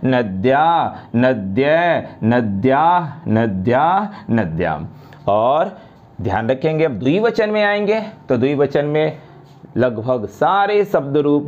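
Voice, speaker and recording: A man teaching a grammar lesson to students, slowly reciting and repeating word forms one by one. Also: a little high, darkish tone, highs cut off. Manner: addresses students directly, repeats each form.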